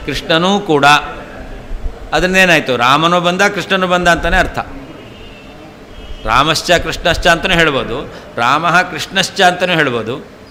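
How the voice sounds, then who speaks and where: A man's voice: on the high side, unhurried, pauses often, pushed and bright. An older man, a scholar teaching a scripture class, explaining patiently and repeating key terms. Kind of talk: traditional scripture lesson. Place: temple hall. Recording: long hall reverb, faint ambient noise.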